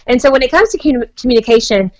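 A woman's voice: fairly high pitch, lively intonation, rapid-fire, darkish tone. An American woman guest giving conversational advice in an earnest, chatty manner. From United States. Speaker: guest marriage expert.

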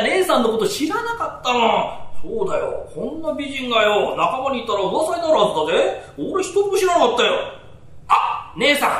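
Brief: storyteller doing a brash Edo burglar, rough street talk, lively swooping voice, live in a roomy hall. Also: male voice, extremely high pitch, exaggerated voice. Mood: sheepish. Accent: Tokyo downtown speech. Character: brash, greedy male burglar, cocky and easily fooled. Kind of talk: rakugo storytelling. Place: small storytelling hall before an audience. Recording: roomy hall with faint noise.

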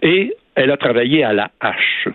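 A man's voice: medium pitch, very animated, normal speed, dry recording. A man with a Québécois French accent, a guest on a radio phone-in, talking in an emphatic, lecturing way. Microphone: telephone. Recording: dry phone line.

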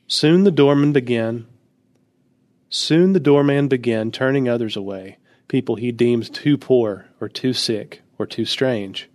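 A man reading a devotional story aloud in a calm, measured storytelling manner. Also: mid-range voice, no room sound. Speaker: narrator. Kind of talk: scripted devotional narration.

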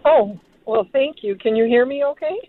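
A woman's voice: on the high side, moderate pace, no echo. An older woman from Detroit calling in to a radio show over the phone, telling a family story in a chatty, fond way. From Detroit, Michigan. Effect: heard over a phone line. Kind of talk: call-in radio conversation. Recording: tinny phone line.

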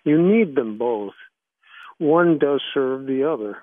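A man giving reflective interview answers in halting, measured phrases over a narrow phone line. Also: mid-range voice, animated, no echo. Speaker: interview guest, author. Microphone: phone call.

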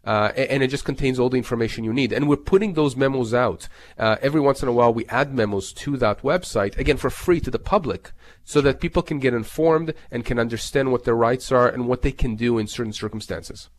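A man with a mid-range voice speaks as a legal expert on a talk show. He explains step by step, leaning on important points and restating them so they are clear. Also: medium pitch, a little fast. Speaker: lawyer, expert guest on a legal advice show.

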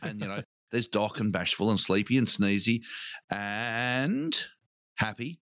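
A man co-hosting a podcast, telling a childhood story in an animated way and breaking into laughing shouts. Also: fairly low pitch, a little slow, no room sound. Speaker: podcast co-host. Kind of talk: casual storytelling chat.

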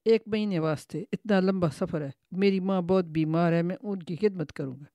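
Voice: mid-range voice, mellow, no room sound, close to an everyday voice. A storyteller voicing a blunt, stubborn male servant who speaks in broken grammar.

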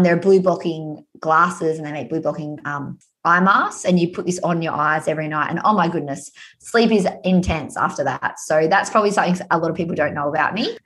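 A woman's voice: lowish voice, fairly bright tone. Gushing Australian woman chatting casually. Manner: gushing, informal. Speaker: podcast guest, happiness coach and speaker. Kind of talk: casual chat.

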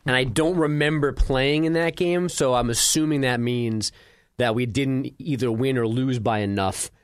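A man co-hosting a casual studio chat, teasing and asking quick questions. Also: medium pitch, clean tone, no echo. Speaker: co-host, news update anchor. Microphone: studio mic.

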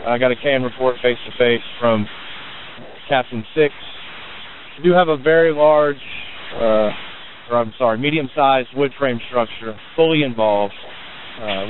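A man's voice: medium pitch, moderate pace. A man working as fire incident commander, giving urgent, terse, procedural orders in firefighter traffic over a two-way radio. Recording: tinny narrowband radio, background noise.

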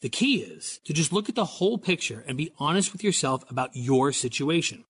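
A man acts as company spokesman in a conversational, scripted radio ad. His voice is husky and a bit high, with lively swings in pitch. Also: a little fast.

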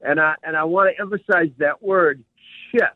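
A man's voice: on the high side, brisk, no room sound, narrow, tinny audio. A man who is a professional coach, teaching as a guest on a radio interview, speaking with emphasis and repeating his key words.

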